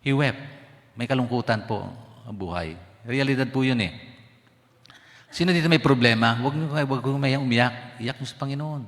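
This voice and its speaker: A middle-aged man preaching a sermon as pastor, mixing Tagalog with English and swinging between loud emphasis and hushed asides. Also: medium pitch, moderate pace, pauses often. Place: church sanctuary. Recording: long hall reverb.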